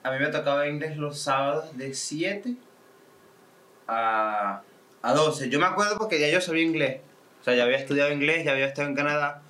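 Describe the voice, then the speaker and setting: A man's voice: on the high side, brisk, sharp tone. A man, co-hosting a casual podcast and chatting reflectively, often restarting his sentences. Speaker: podcast co-host. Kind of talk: casual chat.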